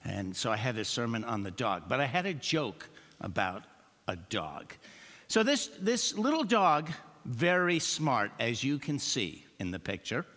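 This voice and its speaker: Animated older pastor in a reverberant church. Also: male voice, a little high. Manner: joking, animated storytelling. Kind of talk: sermon. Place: church sanctuary.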